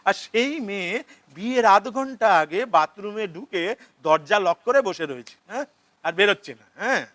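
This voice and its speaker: Ranting Kolkata dad played by a man: high, bright, sarcastic, keeps shouting the same lines. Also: expressive, normal speed, no echo. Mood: exasperated ranting. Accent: Kolkata Bengali. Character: frantic middle-aged father of the bride, money-obsessed. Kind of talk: theatre play reading.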